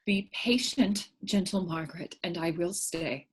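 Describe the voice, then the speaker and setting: A woman playing a meek, sorrowful, gentle king in a Shakespearean verse drama, with a husky voice. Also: fairly low pitch, measured pace. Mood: apologetic. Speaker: actor in staged reading.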